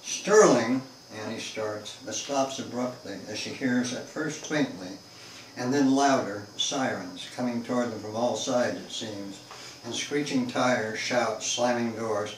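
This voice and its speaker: A man's voice: mid-range voice, unhurried. A man reading his own novel aloud in a dramatic, shifting narrating style. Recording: echoey room, mic far off, faint hiss.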